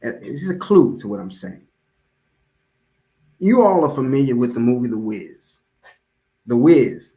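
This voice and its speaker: This religious speaker is an American man whose mid-range voice has a darkish tone, heard through poor audio. He gives an informal motivational public address, chatting with his listeners and hammering home key phrases through repetition.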